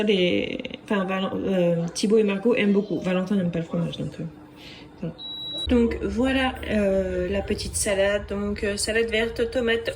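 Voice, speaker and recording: A woman's voice: mid-range voice, a little mellow, a little hiss or hum. A French woman chatting casually as she cooks for her family, speaking hesitantly with frequent fillers. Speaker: home cooking vlogger. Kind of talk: casual cooking vlog voice-over.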